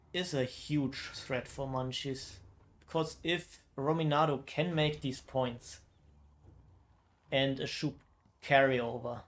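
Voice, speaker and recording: A man casting a card game match as esports commentary, casual and exclaiming, often thinking out loud. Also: medium pitch. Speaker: esports caster.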